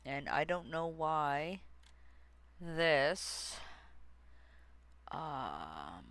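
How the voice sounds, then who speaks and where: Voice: medium pitch, takes it slowly, pushed and bright, slight background noise. A streamer chatting casually with viewers, rambling and easily sidetracked while working on screen, with many fillers and restarts. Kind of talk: casual livestream chat.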